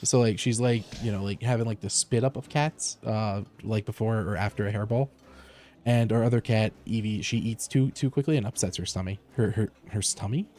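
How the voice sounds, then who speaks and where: A man's voice: lowish voice, a little fast, dark tone. A man streaming from home through a headset mic, chatting casually as he plays, rambling with lots of fillers and restarts. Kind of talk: casual live gameplay commentary.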